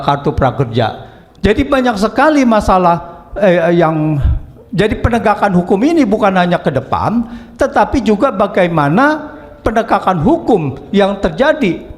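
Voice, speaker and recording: A man with a notably high voice gives political commentary. He explains points carefully, one step at a time, and often pauses on small fillers. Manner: measured explanation with frequent fillers like "eh" and "gitu". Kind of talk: analytical commentary.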